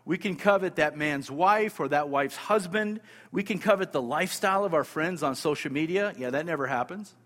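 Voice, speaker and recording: A man's voice: a little high, normal speed, hardly any pauses, fairly bright tone, long reverb tail. A man preaching a sermon, emphatic, repeating key phrases and asking his listeners rhetorical questions. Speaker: pastor.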